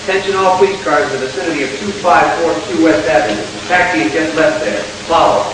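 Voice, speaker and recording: Police dispatcher over a radio loudspeaker. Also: male voice, on the high side, fast. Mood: commanding. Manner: clipped, official announcing. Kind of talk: 1940s film serial acting. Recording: echoey, distant, hissy old soundtrack.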